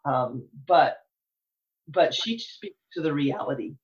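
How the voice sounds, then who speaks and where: As an interview guest, this Texas elementary school librarian, a middle-aged American woman, speaks with earnest enthusiasm and emphasis, repeating phrases as she goes. Her low voice is lively in intonation but slow in pace, and the audio is dull.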